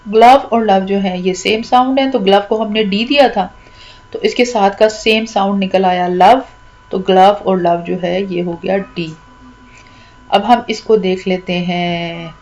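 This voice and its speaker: A woman's voice: mid-range voice, darkish tone, rough recording. Patient woman teaching a poem's rhyme scheme. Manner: patient, repetitive, draws out key words slowly. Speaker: English teacher. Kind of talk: explaining a rhyme scheme to students.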